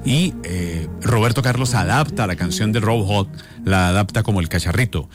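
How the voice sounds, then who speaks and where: A man's voice: fairly low pitch, expressive, normal speed, music in the background. A man hosting a casual radio chat, chatty and fond of anecdotes. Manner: chatty, tells anecdotes, laughs easily. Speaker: radio host.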